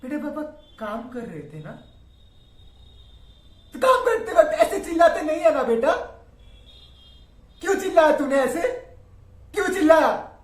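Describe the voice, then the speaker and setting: A man's voice: very high voice, big pitch swings, slow, long pauses, full character voice. A man performing a stage monologue as an unhinged young father who lulls his baby in a sing-song voice, giggling, with sudden outbursts. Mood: eerie lulling. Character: unhinged young father, soothing then menacing. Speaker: monoact performer. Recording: roomy echo, distant mic.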